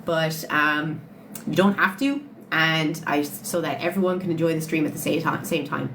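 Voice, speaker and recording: On a poor-quality phone livestream with background noise, a late-twenties Irish woman chats casually with viewers. Her voice is low and a bit bright, at normal speed, and she's blunt, swearing freely while answering chat questions.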